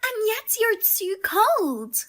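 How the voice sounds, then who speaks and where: A pushy sister-in-law with a high, piercing voice, as a woman puts her on. She talks in a sharp, demanding and insulting way. This is a narrated storybook drama. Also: big pitch swings, slow pace, full character voice. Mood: scornful.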